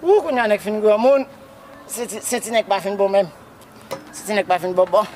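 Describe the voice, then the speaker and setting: A man's voice: high-pitched, moderate pace, a little mellow, slight background noise, natural voice. A man with a Haitian accent playing a grief-stricken widower who sobs, wails and keeps calling out to Jesus. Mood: grieving. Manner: repeats words, cries out to Jesus. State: wailing and sobbing. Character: grief-stricken man mourning his dead wife.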